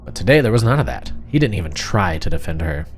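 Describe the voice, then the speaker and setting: A man narrating a horror story in the first person as a frightened, suspicious wife, confiding and uneasy, with deliberate pauses. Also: sits low, sing-song. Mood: tense, suspicious. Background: music.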